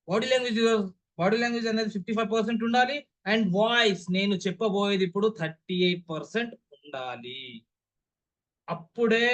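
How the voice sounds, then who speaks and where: In a notably high voice, a young male trainer with a Telugu accent lectures an online class emphatically, stressing key words. He keeps checking that his listeners follow by asking rhetorical questions, and the recording is low quality with a slightly bright tone.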